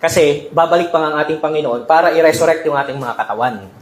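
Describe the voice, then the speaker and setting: A man's voice: fairly high pitch, fast talker. A male pastor preaching a sermon in a conversational way, often checking in with the congregation and mixing in English. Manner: mixes Tagalog and English. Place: church sanctuary. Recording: echoey church hall with faint ambience.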